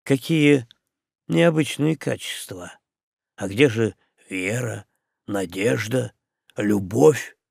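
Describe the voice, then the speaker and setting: A man voicing a stern, gloomy ship captain who speaks low, quietly and curtly. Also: slow, creaky, long pauses, slightly rough, no echo, studio quality, heavily acted. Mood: grave.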